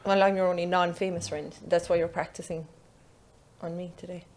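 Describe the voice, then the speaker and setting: A woman's voice: lowish voice, flat delivery, brisk. A woman with a sing-song west of Ireland accent and a Cork lilt, chatting casually and bluntly on a podcast. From west Munster, Ireland. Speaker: podcast guest, gym trainer.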